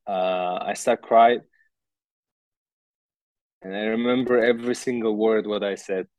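A man from Uzbekistan speaking English, stopping often to restart his sentences and filling pauses with soft "uh"s. He tells a personal story as a podcast guest. His voice is close and dry, with no room sound around it. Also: on the low side, dry recording. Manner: halting, with many fillers and restarts.

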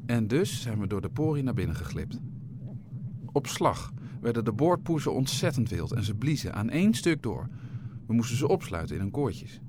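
A male narrator reading a storybook aloud in a playful, expressive way. His pitch rises and falls a lot, and faint noise sits under the recording. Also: normal speed.

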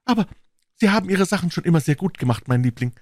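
A man's voice: high-pitched, expressive, quick pace, darkish tone, voice pushed up. A man voicing an anxious, bitter older woman, a former nanny, in a storybook reading. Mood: eager, anxious.

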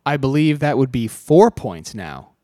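A man co-hosts a laid-back music podcast, agreeing readily and tossing in playful jokes. His voice sits mid-range, moves in lively swings, and sounds dry and close to the mic. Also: mid-range voice, unhurried, dry recording. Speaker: podcast co-host. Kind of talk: casual podcast chat.

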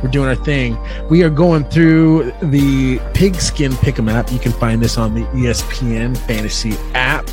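A man co-hosting a casual podcast, loud and profane, hyping up his co-hosts. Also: mid-range voice, fairly even intonation, normal speed, hardly any pauses, over music. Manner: loud, swearing, hype-man energy. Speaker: podcast co-host.

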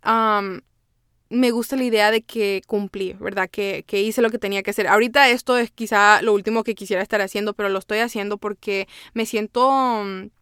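A woman's voice: medium pitch, fairly even intonation, a little fast, fairly bright tone, clear, resonant tone, dry recording, studio quality. Chatty code-switching woman podcaster. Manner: chatty, switches between Spanish and English, many "¿verdad?" tags. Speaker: podcast host. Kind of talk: casual solo podcast monologue.

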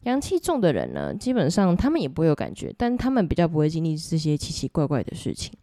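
Low-voiced woman telling a ghost story. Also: wildly swooping pitch, fast talker, warm tone, dry recording, studio quality. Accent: Taiwanese Mandarin. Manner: chatty, addresses listeners directly. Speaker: podcast host.

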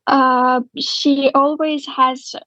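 Woman in her twenties, Ukrainian accent, halting interview answers, very slow, dull recording. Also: sits high, flat delivery, bright, forceful tone, no echo. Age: 20s. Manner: slow, halting, many pauses and fillers. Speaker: guest. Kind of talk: interview testimony.

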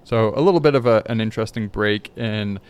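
Male host, clear mid voice, cheerful and easygoing, church podcast. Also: lowish voice, a little fast. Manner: upbeat, agreeable, laughs easily. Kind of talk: casual chat about Scripture.

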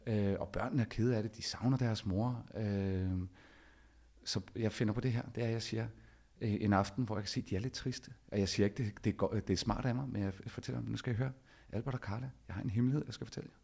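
A middle-aged man with a low, gravelly, somewhat husky voice tells a personal story. He is animated and performs the quoted lines himself, the way a podcast host talks. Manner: animated, acts out quoted dialogue.

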